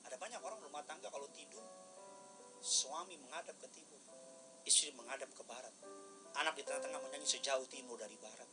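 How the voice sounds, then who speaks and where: A man preaching a midweek sermon as pastor, animated and colloquial, swinging between loud outbursts and hushed asides. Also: mid-range voice, quick pace, pauses often, over music, rough recording. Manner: colloquial, slangy Indonesian preaching.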